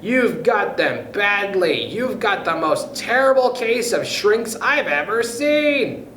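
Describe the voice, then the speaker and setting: A man voicing a gleefully cruel, scheming husband from a children's storybook, taunting with drawn-out emphasis. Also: high-pitched, sing-song, a bit bright, reverberant, a little hiss or hum, pitched above the performer's own voice, heavily acted, low-quality recording. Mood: alarmist, taunting.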